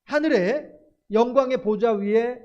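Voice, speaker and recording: A pastor preaching a Sunday morning sermon in a church, speaking slowly and deliberately and often asking the congregation rhetorical questions. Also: medium pitch, lo-fi sound. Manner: slow, measured delivery with many rhetorical questions; acts out parents' voices in quoted asides. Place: church sanctuary.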